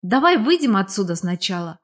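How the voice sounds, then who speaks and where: A woman's voice: medium pitch, very animated, fairly quick. A woman reading the part of a confident, playful young man in an audiobook, speaking with joking bossiness. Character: young man, cheerful, confident, teasing old friend. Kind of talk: audiobook character voice.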